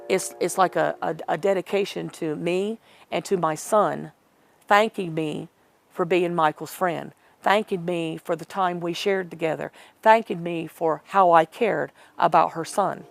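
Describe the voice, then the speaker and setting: A middle-aged woman recounts a personal story in an interview, wandering through it and voicing the people she quotes. Her voice sits low and has a gravelly fry to it. The recording is dry and close. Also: steady tone, unhurried, no room sound. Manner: rambling, emotional retelling with quoted dialogue. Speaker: interview guest.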